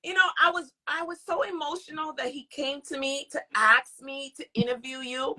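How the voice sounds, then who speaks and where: A woman hosting a podcast interview, telling a story excitedly with frequent laughter. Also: high voice, moderate pace. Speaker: podcast host. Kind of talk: conversational interview.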